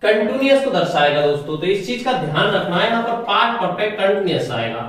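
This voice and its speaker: A high-pitched man teaches grammar, explaining each point in order and answering his own questions to the class. He is recorded from a distance, and his voice rings through a very echoey room. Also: big pitch swings, fast talker, a bit bright. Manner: explains step by step, asks the class questions and answers them himself. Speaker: English teacher. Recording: very echoey room, mic far off.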